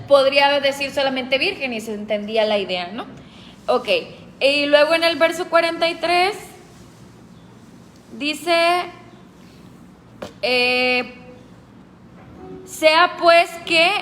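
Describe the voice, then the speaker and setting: A woman's voice: high-pitched, takes it slowly, pauses often, a bit bright, long reverb tail, a little hiss or hum. A woman leading a group Bible study, explaining patiently and asking the group questions.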